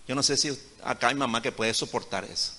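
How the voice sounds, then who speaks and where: Bright-voiced preacher in a reverberant hall. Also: male voice, medium pitch, brisk. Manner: swings between hushed asides and loud emphatic preaching; retells conversations as acted dialogue. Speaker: pastor. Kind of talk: sermon. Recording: long reverb of a large hall.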